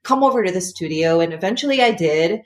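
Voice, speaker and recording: A woman from the Philippines with a deep, sultry voice, a former voice-over artist, chatting and reflecting in a casual conversation. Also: expressive, fast. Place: at home in Zurich.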